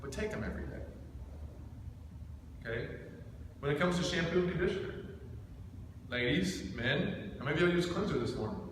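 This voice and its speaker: In a reverberant room with a handful of listeners, a business team trainer, a man aged thirty-seven, gives an informal pep talk full of emphatic rhetorical questions. His fairly high voice is lively, a little fast, and broken by frequent pauses, yet he stays intense and direct. The recording is distant and echoey, with faint background noise.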